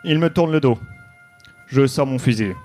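A man telling a deadpan, mock-noir detective story live on a comedy club stage. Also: mid-range voice, moderate pace, soft background music. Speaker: comedy podcast host.

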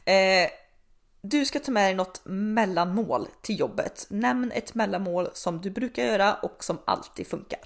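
A woman's voice: medium pitch, lively intonation. A woman hosting a casual chat, talking in a chatty way with many fillers and restarts and frequent laughs. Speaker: podcast host asking questions.

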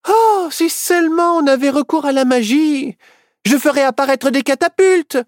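A woman voicing a bold, boastful little girl witch in a storybook, with a high, excited, squealing voice. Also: moderate pace, no echo, studio quality, lightly acted.

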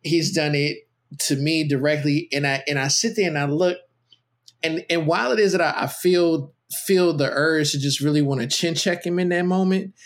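A man's voice: a little high, normal speed. A man talking casually on a podcast about parenting, rambling with many restarts and trailing off. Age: adult with a teenage son.

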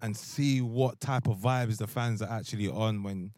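A man's voice: lowish voice, moderate pace, a little mellow, no room sound, clean studio sound. A man with an urban London roadman accent hosting a casual podcast in slangy street talk. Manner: slangy street talk, calling people bruv and mandem. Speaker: podcast host. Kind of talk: casual group podcast banter. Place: in a large open stadium, on the pitch.

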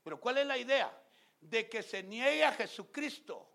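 A man preaching a fiery sermon as pastor. He talks straight to the congregation, gets loud and emphatic, and acts out scenes in other voices. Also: very high voice, big pitch swings, normal speed, creaky. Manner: loud and emphatic, often shouting.

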